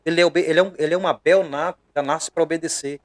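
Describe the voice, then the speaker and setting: Brazilian pastor, middle-aged man from Bahia, earnest conversational preacher with a slightly high pitch. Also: fairly even intonation, fast, no room sound. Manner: earnest and emphatic, with frequent hesitations.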